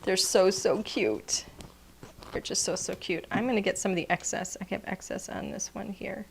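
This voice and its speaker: A woman's voice: mid-range voice, moderate pace, gravelly, slight background noise. A woman teaching card-making in a casual, chatty demonstration, gushing over her work and often dropping to a murmur as she works.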